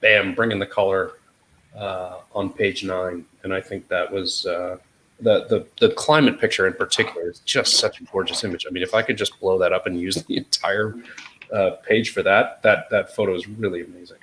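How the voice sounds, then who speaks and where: His voice is low and steady, moderately paced and a bit bright, on a rough recording with a little hiss or hum. An American guest in a casual interview, he describes his editing work informally, peppering it with "sort of" and "you know."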